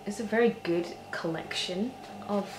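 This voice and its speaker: A woman in a soft-spoken ASMR ASMR role-play as a librarian, talking in a hushed, gentle, hesitant way that nears a library soft voice. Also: medium pitch, normal speed. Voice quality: soft, hushed voice, near soft voice at times. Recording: roomy echo with clear background noise.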